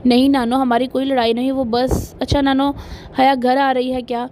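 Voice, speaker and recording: Woman voicing a remorseful young husband, earnest, coaxing, fairly high voice, audiobook novel. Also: level tone, a little mellow, a little hiss or hum, lightly acted. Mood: longing, hesitant.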